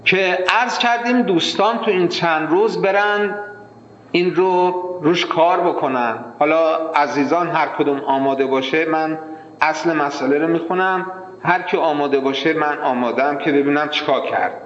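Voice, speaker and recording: High-voiced guy teaching a seminary class, jumps all over in pitch, slow singsong when he reads the text, dull lo-fi sound. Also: a little hiss or hum. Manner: lively lecturing, switches into slow chanted reading of text. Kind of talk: classroom lecture. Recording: echoey hall, dull lo-fi sound.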